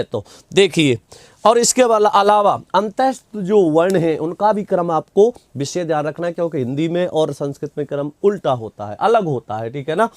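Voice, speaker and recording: High-voiced man teaching a grammar class. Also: darkish tone, no room sound. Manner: repeats key terms, quizzes himself and answers; reads out viewer comments and replies. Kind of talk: online Hindi grammar class.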